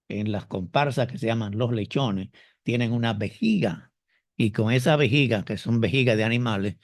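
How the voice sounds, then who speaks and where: A man from the Dominican Republic with a Dominican Spanish accent, explaining customs and the way his country speaks, slowly and deliberately, repeating examples. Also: medium pitch, no echo, clean studio sound. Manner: slow, deliberate, stretches key words and repeats examples. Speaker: teacher explaining culture and dialect. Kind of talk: explanatory monologue.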